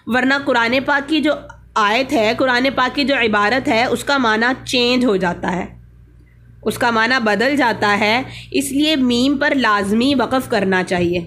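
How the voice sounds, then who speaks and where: Woman teaching Quran pause marks. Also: fairly high pitch, fairly bright tone. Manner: explains slowly, repeats key rules. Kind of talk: religious lesson.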